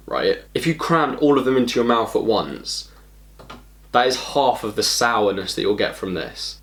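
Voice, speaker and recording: A man hosting a casual beer review vlog, speaking bluntly, with a lot of swearing and exasperation, at a table. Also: medium pitch. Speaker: beer reviewer, channel host. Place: at home, at a table.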